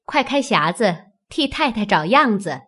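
A woman voicing a shrewd, sharp-tongued noble mistress in an audiobook of a classic novel, with an arch, needling manner. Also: medium pitch, big pitch swings, unhurried.

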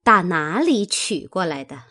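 A woman voicing a sharp-tongued, domineering noble lady who scolds and mocks a servant. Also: lowish voice, big pitch swings, unhurried, heavily acted. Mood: scolding, mocking. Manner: scolding, mocking, cutting.

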